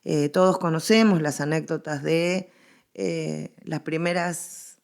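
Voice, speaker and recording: Slow and low, with fairly even intonation, vocal fry and a darkish tone, this voice belongs to a middle-aged Rioplatense Argentine woman. She explains matters as an expert in a conversational interview, emphatically and with frequent digressions.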